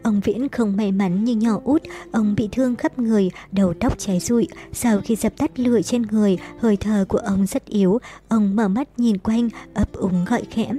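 A woman narrating a novel as an audiobook in a brisk, dramatic storytelling manner. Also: mid-range voice, fairly even intonation, warm tone, soft background music.

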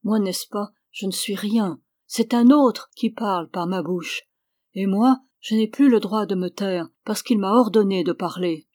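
A woman reading a calm old servant. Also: medium pitch, measured pace, no echo, clean studio sound, close to an everyday voice. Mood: firm. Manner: calm, firm, solemn. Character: tall old male servant, calm and firm.

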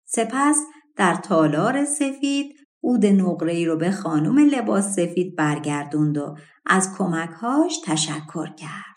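Woman narrating a fairy tale. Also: lowish voice. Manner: expressive, measured reading. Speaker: audiobook narrator. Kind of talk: storybook narration.

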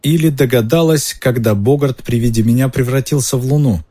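A man voicing a calm, weary male teacher who speaks quietly and with restraint. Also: medium pitch, fairly quick, voice pushed up, close to an everyday voice. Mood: wry.

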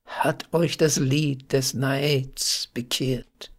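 A man voicing a shepherd who tells a solemn old song, slow and husky. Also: medium pitch, fairly even intonation. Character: old storytelling shepherd singer.

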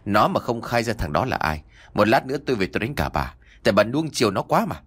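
A furious middle-aged father in an audiobook story, spitting out rapid, harsh threats, as a male narrator puts him on. The voice sits low and swings widely in pitch. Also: very animated, a bit bright, breathy edge, full character voice. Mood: enraged.

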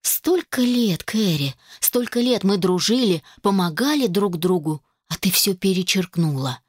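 A woman's voice: mid-range voice, lively intonation, measured pace, dry recording, clean studio sound. A woman reading a novel aloud, voicing a young man who bitterly accuses an old friend in a reproachful, intense way.

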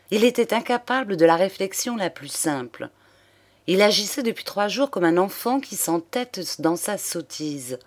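A woman narrating a detective novel aloud in an expressive, steady way. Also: lowish voice. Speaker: audiobook reader. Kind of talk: literary narration.

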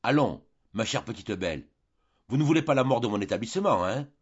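A man's voice: medium pitch, expressive, a little fast, husky. A man voicing a scheming middle-aged landlady who coaxes a boarder in an audiobook, in a wheedling tone. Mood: coaxing. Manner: wheedling, coaxing. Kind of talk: audiobook character voice. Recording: muffled lo-fi recording.

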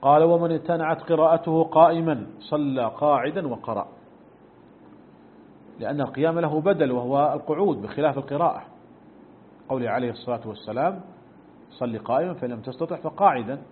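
A man's voice: a little high, quick pace, long pauses, slight background noise. A middle-aged man teaching a religious text, explaining points and demonstrating pronunciations as he goes. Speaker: sheikh teaching a fiqh text. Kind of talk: recorded religious lesson. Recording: tinny phone-like lesson recording.

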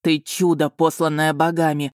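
A woman's voice: deep voice, flat delivery, normal speed, dry recording, clean studio sound, close to an everyday voice. Woman reading as an ecstatic male dragon. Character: lovesick male dragon, elated and overwrought.

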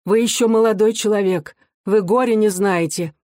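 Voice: medium pitch, moderate pace, warm tone, no room sound, clean studio sound, voice pushed up, natural voice. A reader voicing an older working-class mother who protests in a pleading, indignant voice.

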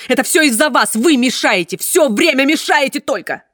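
A woman's voice: normal speed, darkish tone, no room sound, studio quality, lightly acted. A woman reading an audiobook, voicing a small, nervous male dentist who whines and shrieks. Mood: shrill. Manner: shrill, whining.

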